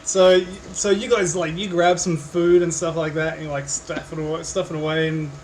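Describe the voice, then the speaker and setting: A man running a tabletop game, narrating loosely and pausing often with fillers as he makes things up. His voice sits somewhat high, and steady background noise is clearly heard. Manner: hesitant, many fillers. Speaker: game master. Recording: noisy background.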